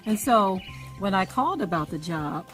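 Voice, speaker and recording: A woman's voice: mid-range voice, animated, moderate pace, a bit bright, soft background music, low-quality recording. A woman in casual conversation, telling a personal story in an earnest, emphatic way. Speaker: co-host.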